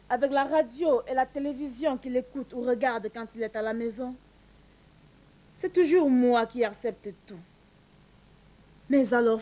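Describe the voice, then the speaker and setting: High-voiced exasperated woman performing a monologue. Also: darkish tone, low-quality recording. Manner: exasperated, dramatic, speaks to the audience. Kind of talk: comic theatrical monologue.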